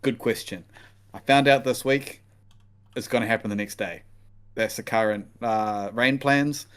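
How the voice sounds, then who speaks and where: A man's voice: medium pitch, measured pace, clean tone. Laid-back man with a broad Kiwi accent. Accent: broad New Zealand. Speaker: podcast co-host. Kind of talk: casual fight preview chat.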